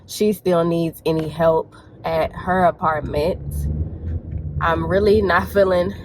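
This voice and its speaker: In a car on the way to run errands, a congested woman in her twenties chats casually to her vlog audience, rambling and saying "y'all" as she talks to camera with a cold. Her voice is lowish and steady, slow in pace, with background noise present.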